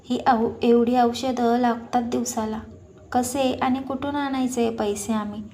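Woman voicing sarcastic middle-aged aunt, irritated, grumbling, mellow tone, fairly high voice, storybook. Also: fairly even intonation, unhurried, slight background noise, close to an everyday voice. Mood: sneering.

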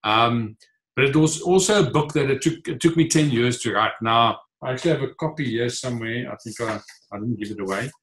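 An author and entrepreneur in his forties from the Free State, Afrikaans his first language and South African in accent, answers interview questions earnestly over a video call from his home office. His mid-range voice is a bit bright and a little fast; he gestures as he talks and uses frequent fillers. The recording is low quality.

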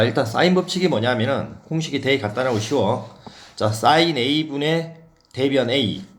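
A man teaching a math lesson in a casual, chatty way, talking through his board work and often checking in with the listener. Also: mid-range voice.

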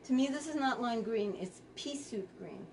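A woman's voice: fairly high pitch, expressive, normal speed, recorded from a distance, noisy background. A woman hosting a live fabric sale, chatting casually as she reads out color names. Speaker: quilt shop host.

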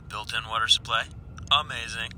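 A man's voice: mid-range voice, steady tone, normal speed, bright, forceful tone, a little hiss or hum, rough recording. An actor playing an eager young male rookie stormtrooper in a comedy film, rambling in a casual, awkward way. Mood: bored chatty. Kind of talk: short comedy film dialogue.

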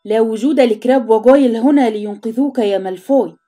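A woman's voice: fairly high pitch, fast talker, warm tone, soft background music, natural voice. A woman doing a determined young schoolboy. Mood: firm. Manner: firm, determined. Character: brave young schoolboy wizard.

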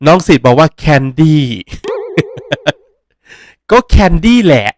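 A young man giving a casual online Japanese lesson, chatty and joking, repeating words slowly so learners can practise. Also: fairly high pitch, lively intonation, no echo, studio quality. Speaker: Japanese language teacher.

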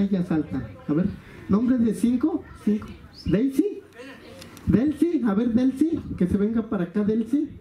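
Male party clown, joking crowd banter, mellow tone, roomy hall sound. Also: high voice. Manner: teasing, jokey, calls everyone amigo. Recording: echoey hall with crowd noise.

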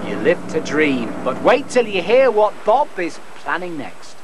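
A man reporting a news feature, narrating and interviewing with a lively, playful delivery. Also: on the high side, measured pace, noisy background.

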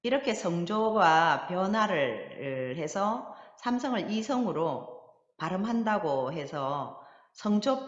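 Woman language teacher, deep and slow, patient drill style, echoey roomy audio. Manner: patient, models pronunciation slowly for learners to repeat. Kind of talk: recorded language lesson. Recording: dull lo-fi audio with long hall echo.

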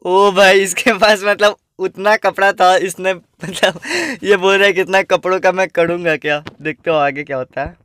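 A man's voice: high-pitched, fairly even intonation, moderate pace, few pauses, a bit bright, a little hiss or hum. A young man hosting a live reaction video, exclaiming often and laughing at what he watches. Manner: keeps exclaiming and laughing at clips.

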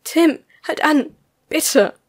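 A woman reading an audiobook and voicing a small, timid, tearful blond boy with a high, pleading voice. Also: expressive, drawn-out words, exaggerated voice.

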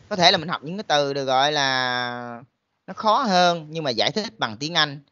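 A man's voice: medium pitch, sharp tone, lo-fi sound. Emphatic Southern Vietnamese male teacher. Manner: emphatic, full of rhetorical questions. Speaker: college teacher. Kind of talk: motivational talk to students.

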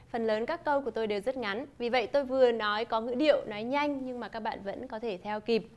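A woman with a fairly high voice gives a scripted lesson as an English teacher. She explains in a clear, measured way and demonstrates example phrases as she goes.

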